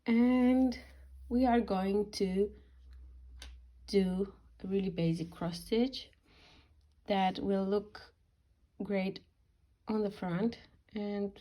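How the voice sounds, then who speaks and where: Romanian woman with a head cold, nasal, unhurried and soft-toned, teaching stitching with lots of ums. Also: medium pitch, steady tone. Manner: hesitant, with many fillers. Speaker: craft workshop founder teaching cross stitch. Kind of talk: home craft tutorial.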